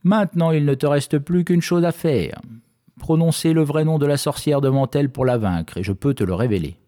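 A man's voice: a little high, moderate pace, warm tone, pitched above the performer's own voice, close to an everyday voice. A man voicing a grand male dragon who speaks formally and graciously in a told fairy tale. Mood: courteous. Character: grand freed male dragon, courteous and wise.

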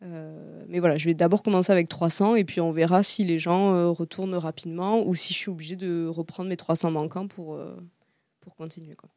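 Interviewed as the founder of a small zero-waste tart shop, a woman replies casually and hesitantly, using many fillers and restarting often. Her voice is fairly low, steady, and warm, a little fast, with no room sound.

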